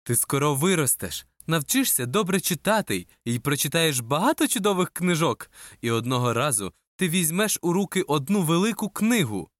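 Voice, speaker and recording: Expressive woman reading a children's story. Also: sits low, no room sound, clean studio sound. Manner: expressive, addressing the child listener.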